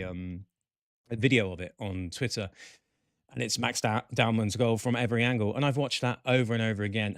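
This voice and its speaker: A man hosting a chat show, excitable and talkative. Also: medium pitch, no echo, studio quality. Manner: excitable, chatty, animated. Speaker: podcast host.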